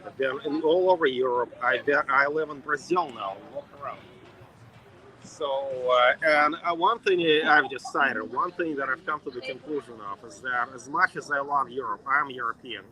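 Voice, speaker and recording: A man's voice: medium pitch, moderate pace, sharp tone, poor audio. A middle-aged man from Russia hosting a casual chat outdoors, talking emphatically in repeated lists. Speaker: host.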